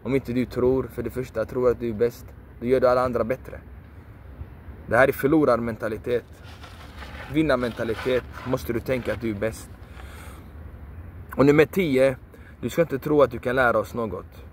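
Faint traffic hums outdoors as a video creator preaches a passionate motivational monologue, hammering the same words over and over and tossing in the occasional curse for emphasis. His middling-pitched voice stays steady in tone, and he pauses often.

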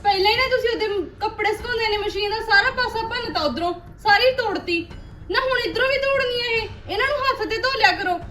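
A sharp-tongued young daughter-in-law, played by a woman, nagging fast in a very high, bright voice. She sounds a little away from the mic, with faint background noise. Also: reverberant, recorded from a distance. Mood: scolding. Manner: scolding, nagging.

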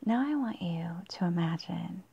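In a dull, muffled recording, a woman with a lowish voice leads a guided meditation, speaking in a husky, breathy near-whisper that's nonetheless animated. She leaves long pauses between phrases.

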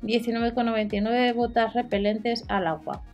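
A woman's voice: fairly high pitch, flat delivery, normal speed, darkish tone, lo-fi sound, faint music behind. Woman reading out store deals. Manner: listing prices and specs with fillers. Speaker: deals channel host. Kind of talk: product rundown voice-over. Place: voice-over over screen recording.

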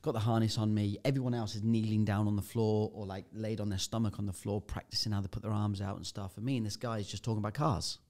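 A man's voice: lowish voice, steady tone, quick pace, few pauses, a little mellow. A man, a podcast guest, telling a vivid anecdote in casual chat and swearing freely. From United Kingdom.

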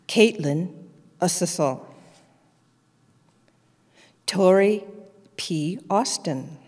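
Slow woman reading names in a hall. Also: fairly low pitch, darkish tone. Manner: slow, careful, evenly paced name reading. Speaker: ceremony announcer reading graduate names. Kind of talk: formal name reading. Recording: long hall reverb.

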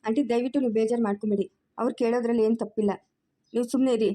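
Calm firm young woman, acted by a woman, fast, mellow dark tone, family drama. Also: fairly high pitch, lightly acted. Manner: firm, reassuring, reasoning.

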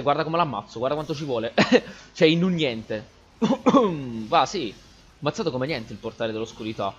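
A man giving excitable, swear-laden gameplay commentary and chatting to his viewers as a gaming channel host. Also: medium pitch, dull audio, a little hiss or hum.

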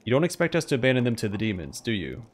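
A man's voice: medium pitch, very animated, rapid-fire. A man voicing a solemn, earnest talking tree, a treant with formal, grand oratory, in game dialogue read aloud. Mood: offended.

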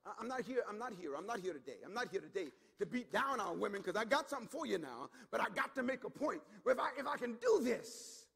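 A male pastor preaching a sermon, swinging from low, intimate asides up to emphatic shouts, and repeating words as he builds his point. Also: sing-song, quick pace, gravelly, few pauses, slightly rough, long reverb tail. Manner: repeats words and acts out quoted voices.

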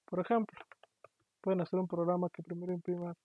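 A man's voice: high voice, monotone, fast talker. A man giving an online programming lecture, explaining patiently and often checking in with his students. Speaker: university lecturer. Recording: tinny, dry, phone-like online class audio.

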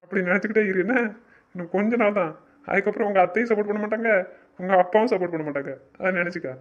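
Bossy, fast-talking young man. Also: high-pitched. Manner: bossy, scolding and teasing. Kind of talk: romantic audio drama dialogue. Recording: dull lo-fi recording.

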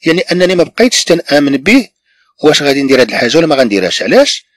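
A man with a Moroccan accent teaching a language lesson, patiently repeating phrases and breaking them down slowly. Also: on the high side, very animated, fairly bright tone, no echo. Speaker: French teacher.

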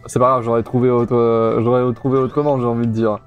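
A man's voice: mid-range voice, little pitch movement, fast talker, clean tone, highs cut off, soft background music. A man giving casual, chatty commentary while streaming a video game, repeating himself and using many fillers. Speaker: let's play streamer.

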